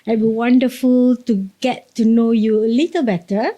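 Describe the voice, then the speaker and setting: A woman's voice: fairly high pitch, fairly even intonation, moderate pace, dark tone. A woman hosting a university podcast interview, asking rhetorical questions in a polite, formal way. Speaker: podcast host.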